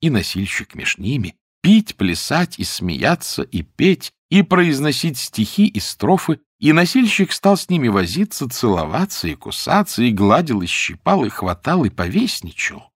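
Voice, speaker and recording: A man narrating classic tales as an audiobook reader, in a measured storytelling manner that slows for key words. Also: mid-range voice, sing-song, breathy edge, no room sound, studio quality.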